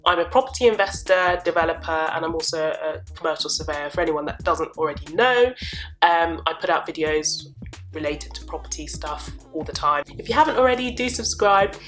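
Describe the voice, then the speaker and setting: A young woman talks through personal questions in a relaxed, rambling vlog. Her voice sits a little low for a woman, and she fills the gaps with ums and quick laughs. Faint music plays behind her. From born in Uganda, grew up in South East London. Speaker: property investor and vlogger. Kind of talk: casual get-to-know-me vlog.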